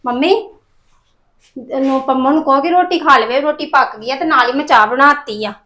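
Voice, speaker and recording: High-voiced complaining Punjabi woman. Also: moderate pace, bright, forceful tone. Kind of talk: family drama acting.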